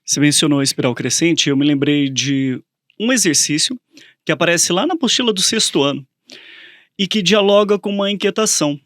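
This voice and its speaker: A man with a high, bright speaking voice explains literature to a co-host in casual podcast talk. He tells classroom stories animatedly and slips into little acted-out voices for his students. The sound is close and dry. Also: a little fast, no room sound. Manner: animated storytelling, acting out students and characters in quotes. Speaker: Portuguese teacher and podcast co-host. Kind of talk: casual educational podcast chat.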